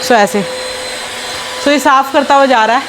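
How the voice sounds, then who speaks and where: Chatty high-voiced young mom vlogging. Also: female voice, a little slow, background noise. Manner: chatty, mixes English into Hindi, talks to her child between lines. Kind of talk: casual home vlog chat. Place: home, indoors, while cleaning floors.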